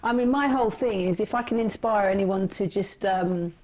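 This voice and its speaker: A woman's voice: medium pitch, moderate pace, a little mellow, poor audio. A woman, an author and blogger, chatting as a guest in a casual interview, bubbly and gushing. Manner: bubbly, gushing, exclaims often.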